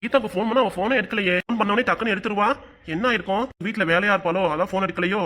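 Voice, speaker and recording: A woman voicing a gentle young adult son devoted to his mother, speaking softly and affectionately with a Kanyakumari Tamil accent. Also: medium pitch, racing, close to an everyday voice. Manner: soft and affectionate.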